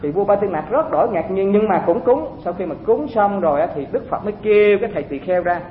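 High-voiced man giving a dharma talk. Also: expressive, fast. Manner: conversational, asks listeners rhetorical questions. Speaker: Buddhist teacher addressing monks. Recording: echoey, phone-like sound with faint rumble.

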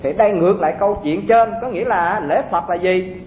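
A man giving a dharma talk to monks, in a conversational way with rhetorical questions. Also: a little fast. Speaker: Buddhist teacher addressing monks. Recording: echoey, phone-like sound with faint rumble.

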